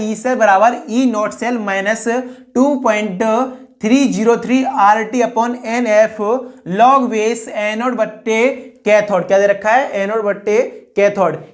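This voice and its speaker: Woman, chemistry teacher, exam-prep lecture, asks then repeats each answer, lots of filler words, mid-pitched voice. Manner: fills speech with 'I mean' and 'that is'.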